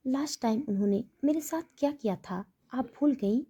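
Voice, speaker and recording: A woman voicing a frightened but defiant young woman who speaks softly and pleadingly. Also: high voice, moderate pace, breathy edge. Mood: anxious. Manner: soft and pleading, irritated.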